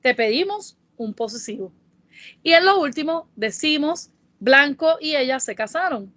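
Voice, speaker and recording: Puerto rican spanish lady tutor, careful explaining, reads examples slow, kinda muffled dry recording. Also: high-pitched, lively intonation, fairly bright tone, no room sound. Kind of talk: scripted lesson narration. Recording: dull, dry voice-over.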